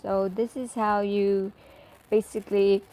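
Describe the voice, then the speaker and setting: Woman, relaxed tutorial voice-over, slow and warm-toned, chatty. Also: medium pitch, rough recording. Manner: chatty, filler-heavy, walks through steps. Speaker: tutorial presenter. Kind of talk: casual screen-recording tutorial voice-over.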